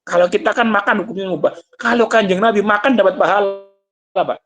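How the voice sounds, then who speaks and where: A man gives a conversational sermon in a mosque. His voice sits fairly high, and he moves between recited Arabic phrases and homely explanation, often addressing the listeners directly. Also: a little fast, a bit bright. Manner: mixes Arabic recitation with Javanese and Indonesian explanation. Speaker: ustadz teaching a kitab study.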